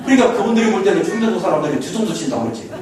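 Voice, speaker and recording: Racing and expressive, the high-pitched voice of a Chungcheong-region Korean pastor carries a sermon lecture over a loud crowd. He spins folksy stories and chuckles a lot. The audio comes from an echoey hall, recorded at a distance with a faint hiss.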